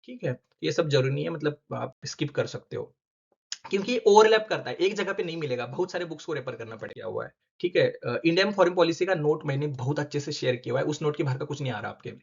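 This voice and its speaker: A young man tutoring exam candidates in a casual lesson, briskly checking in with his listeners as he goes. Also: a little high, animated, creaky, slightly rough. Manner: brisk, keeps asking "theek hai?". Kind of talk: casual explanatory lesson in Hindi-English mix. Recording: dull lo-fi recording.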